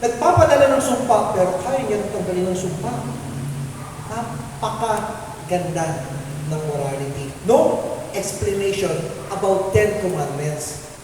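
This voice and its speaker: A man's voice: high-pitched, measured pace, pauses often, noisy background. A middle-aged man, preaching to a prayer meeting and quizzing the crowd with questions. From Philippines. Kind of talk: lively preaching to a congregation. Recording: echoey hall, voice from far off.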